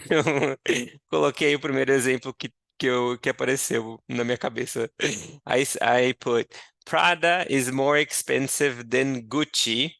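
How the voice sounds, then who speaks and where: A young man gives an English lesson at an unhurried pace. His voice is clear and resonant, with a gravelly edge, and it sounds dry and close to the mic. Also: mid-range voice, a bit bright, no room sound. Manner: slow and explanatory, switching between Portuguese and English. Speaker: English teacher. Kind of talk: teaching a language lesson.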